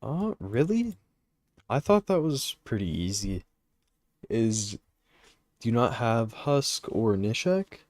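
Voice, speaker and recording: A man's voice: fairly low pitch, a little mellow, no echo. A young man hosting a gaming livestream, thinking aloud with many ums and uhs, sleepy and yawning as he plans routes and answers chat. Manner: hesitant, thinking aloud with many fillers, reads chat questions. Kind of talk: casual live commentary while playing.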